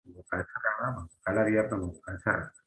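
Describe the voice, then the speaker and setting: A man's voice: lowish voice, steady tone, normal speed, bright, forceful tone, rough recording. A man teaching a grammar lesson, often restarting and checking in with short questions.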